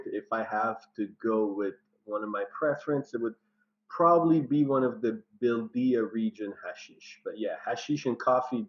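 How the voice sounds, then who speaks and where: A man who is a cultivation director, introducing himself in a friendly, slightly halting way on a panel. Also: on the low side. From Canada. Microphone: video call. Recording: dull lo-fi audio.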